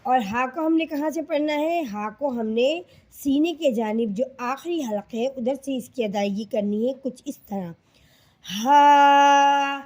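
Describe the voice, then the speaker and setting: High-voiced woman teaching Quran letters. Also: dark tone. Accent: Pakistani Urdu. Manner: slow, patient, repeats sounds and asks "okay children?". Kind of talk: teaching lesson to children.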